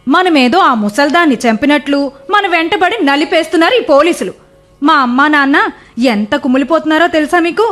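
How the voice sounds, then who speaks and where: A woman's voice: high-pitched, a bit bright. An actress in a radio play playing a selfish, contemptuous young wife who scolds her husband. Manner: scornful, scolding. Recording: faint music behind.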